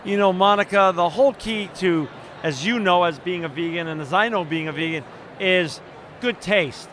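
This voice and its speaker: A man with a high, bright-pitched voice hosts an interview with an upbeat, eager manner. He is recorded at an outdoor festival with faint traffic noise behind him. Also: moderate pace. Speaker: radio show host.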